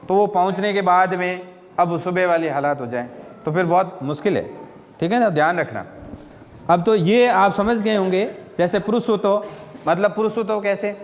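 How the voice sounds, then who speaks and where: A man with a high voice gives a Hindi grammar lesson to a class. He keeps putting questions to his students and answering them himself, with a long echo around him and a faint hum behind. The recording sounds like a large reverberant classroom. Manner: asks and answers own questions, repeats "ठीक है ना?". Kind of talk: classroom lecture.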